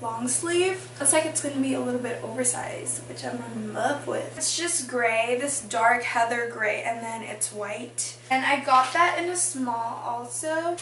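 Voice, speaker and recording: Bubbly young woman in an echoey room. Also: fairly high pitch. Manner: bubbly, gushing, giggly asides. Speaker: vlogger. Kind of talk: casual haul chat. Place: bedroom with a fan running. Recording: echoey room, mic a bit far, fan hum.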